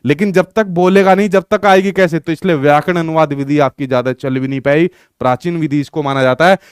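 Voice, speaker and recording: Young male teacher, slightly high voice, patient explainer, dry close sound. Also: steady tone, fairly quick, smooth, no room sound. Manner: explanatory, repeats "ठीक है" often. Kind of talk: exam-prep lecture.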